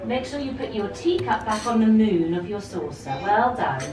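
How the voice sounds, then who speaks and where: A woman teaching etiquette to a young group, prim, polite and gently encouraging. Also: medium pitch, expressive, normal speed. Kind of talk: instructional talk to a young group. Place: echoey indoor tea room with clinking china. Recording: echoey room, distant mic, loud music, clinking dishes.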